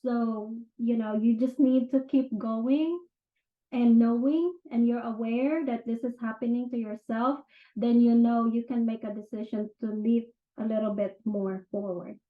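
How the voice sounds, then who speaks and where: A Filipino-accented woman from the Philippines speaks in a voice on the high side, fairly even in intonation and unhurried. As a self-improvement teacher giving a casual explanatory talk to camera, she's conversational, with many fillers and "right?" check-ins. The recording is tinny, like a phone, and echoey.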